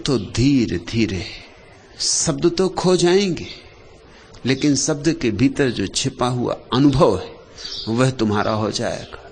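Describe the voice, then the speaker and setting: A man giving a spiritual discourse in short, deliberate phrases, pausing often and letting his voice sink low and soft at the end of each thought. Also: animated, slight background noise. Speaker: spiritual speaker.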